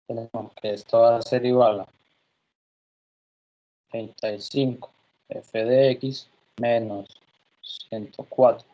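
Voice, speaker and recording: A math teacher dictating formulas slowly on a video call, the audio choppy and glitching as it breaks up. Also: mid-range voice, a little mellow, lo-fi sound. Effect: choppy, glitchy dropping-out audio. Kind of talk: online class on a video call.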